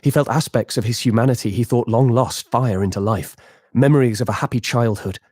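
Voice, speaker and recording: Low-voiced man narrating dry and close. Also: warm tone, husky, dry recording. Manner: measured, dramatic storytelling. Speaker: game master narrating. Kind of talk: scripted narration of a game epilogue.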